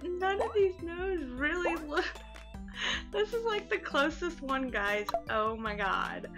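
An excitable woman commenting on a video game, gasping and giggling as she goes. Her voice sits high and leaps up and down, and she talks slowly. Game music plays clearly behind her. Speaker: gaming channel host. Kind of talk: let's play commentary.

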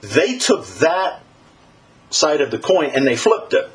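A man preaching a sermon to his congregation, in an animated and emphatic style. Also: takes it slowly. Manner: animated, emphatic preaching with lively pitch swings.

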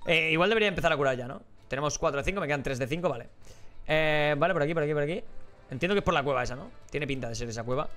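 A man rattles off quick, rambling commentary while playing a game as a let's play host. He jokes and swears casually in a slightly high voice. Soft game music plays underneath.

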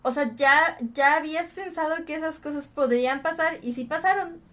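A woman's voice: sits high, normal speed, a bit bright. A young Mexican woman streaming a mobile shooter, chatting playfully with her viewers, teasing them and greeting them with pet names. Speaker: game streamer. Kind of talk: live-stream chat while gaming.

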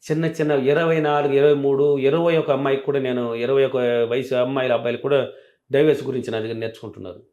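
A man working as a relationship coach, giving animated, emphatic advice and repeating his key points. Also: medium pitch, fast talker. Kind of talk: advice talk. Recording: roomy echo.

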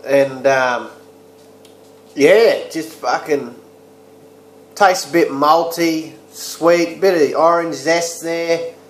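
A man's voice: a little high, very slow, pauses often, a little hiss or hum. A man in his thirties with an Australian accent, rambling his way through a casual beer review with crude slang, recorded indoors on a webcam. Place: small room indoors. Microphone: webcam or laptop mic close up. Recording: echoey room.

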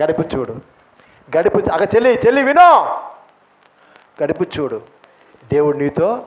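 Impassioned high-voiced male preacher. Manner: impassioned, swings to shouting and drops to soft asides. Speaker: pastor. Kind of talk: sermon. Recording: dull lo-fi recording, faint room noise.

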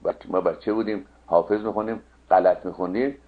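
A man lecturing on classical poetry, chanting verses slowly and correcting the wording point by point. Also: low voice, fairly even intonation. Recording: narrow phone-like sound.

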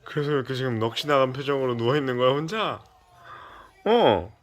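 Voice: mid-range voice, animated, a little fast. A parent chatting casually and cooing at an infant with sing-song, encouraging exclamations. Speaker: parent filming a baby diary vlog. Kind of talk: playful casual baby talk, cooing at an infant.

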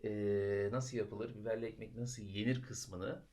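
A man filming a casual cooking vlog in his home kitchen, talking in a playful, excitable way. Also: lowish voice, a little slow. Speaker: cooking vlogger.

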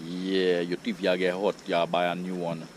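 Out on open water in his kayak, a Trinidadian man vlogs about fishing in a low voice with completely flat delivery at a moderate pace. He's relaxed and talkative, slipping into loose Caribbean patois, with slight background noise.

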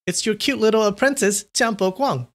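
A man's voice: high-pitched, moderate pace, voice pushed up. A man doing a brash teasing young swordswoman. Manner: mischievous, goading.

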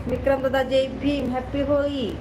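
A woman with a high voice hosts a casual live stream from her phone. She talks loudly, welcoming viewers one after another. The recording carries clear background noise. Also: little pitch movement, measured pace, muffled recording. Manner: loud, greets viewers by name, keeps asking if she is heard. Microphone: phone held close.

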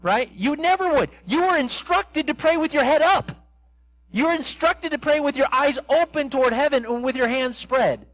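A man's voice: very high-pitched, moderate pace, a bit bright, no room sound, rough recording. A man in his forties preaching an interactive sermon in a church sanctuary, quizzing the congregation as he walks about. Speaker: pastor.

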